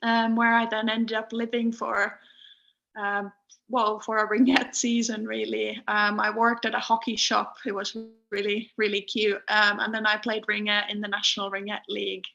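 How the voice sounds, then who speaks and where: A young woman from Finland, a podcast guest speaking casually over an internet call, pausing often with ums. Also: medium pitch, flat delivery, gravelly, pushed and bright, faint music behind. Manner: hesitant, many ums and restarts. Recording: muffled internet call audio.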